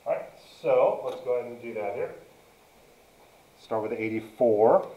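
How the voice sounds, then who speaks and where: A man's voice: mid-range voice, a little slow. A man giving a step-by-step math lesson as a teacher, dictating piece by piece as he works through it. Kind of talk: step-by-step lesson narration, working through a problem. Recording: dull, roomy, distant mic.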